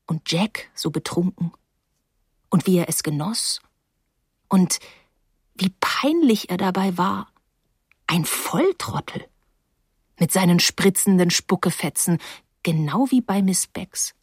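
A woman narrating a first-person story in a measured, quietly dismayed way. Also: fairly low pitch, lively intonation, husky, dry recording, studio quality. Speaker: audiobook narrator.

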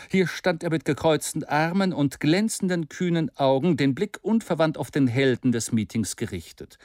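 Male audiobook narrator, lively pitch, expressive reading. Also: dry recording, clean studio sound. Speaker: audiobook reader. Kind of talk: scripted narration.

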